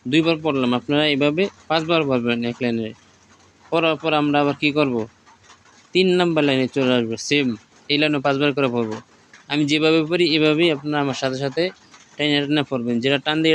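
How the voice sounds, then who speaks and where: A man teaching the Arabic alphabet, reciting each letter slowly and drawn out, patient and repetitive. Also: a little high, steady tone, fairly bright tone, a little hiss or hum. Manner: slow, patient, repeats each line.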